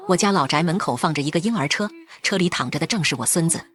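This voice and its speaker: A woman's voice: low voice, lively intonation, fast talker, fairly bright tone. A woman narrating a first-person drama in a cold, blunt and firm way.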